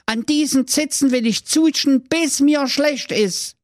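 A man's voice: sits high, sing-song, moderate pace, no room sound, studio quality, voice pushed up. A man voicing a brash, greedy young brother in a raised, crude comic voice. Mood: delighted.

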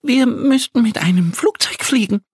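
A man voicing an eager, dreamy little girl duck in a children's story, high and childlike. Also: lively intonation, normal speed, darkish tone, slightly rough, no echo, studio quality, full character voice.

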